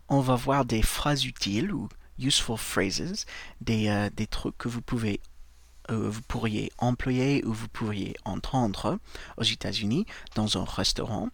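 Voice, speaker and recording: A man teaching a language lesson, speaking slowly and carefully, repeating words and spelling them letter by letter. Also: medium pitch, no room sound. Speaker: English teacher.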